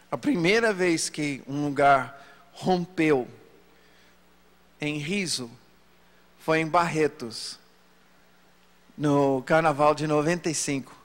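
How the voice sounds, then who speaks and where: A man preacher telling a story from the pulpit in an animated sermon. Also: slow pace, pauses often. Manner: storytelling, animated pitch swings. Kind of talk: sermon testimony. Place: church hall. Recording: long hall reverb.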